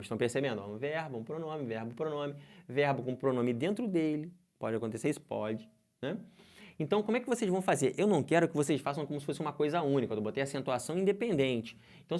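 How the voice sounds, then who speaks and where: A Brazilian man teaches grammar for an exam-prep course. He talks with lively energy, keeps asking his students questions and slowly draws out the example words. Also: fairly high pitch. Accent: Brazilian Portuguese.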